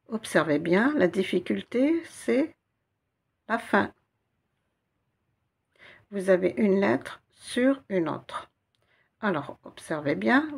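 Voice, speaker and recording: Woman, Arabic reading lesson, gravelly voice, slow repeated syllables. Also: lowish voice. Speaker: Arabic teacher.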